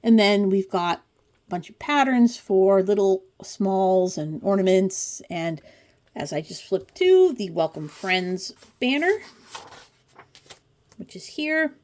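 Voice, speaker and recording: This craft-channel host, a woman in her forties, talks casually through a pattern book flip-through with chatty, wry asides. Her mid-range voice is darkish, with lively intonation, and she takes it slowly.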